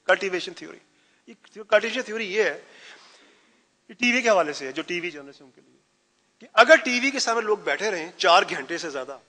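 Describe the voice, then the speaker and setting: A high, bright male voice, lecturing at a conference and slipping English phrases into his explanations. The sound carries the long reverb of a large hall. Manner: mixes Hindi-Urdu with English phrases.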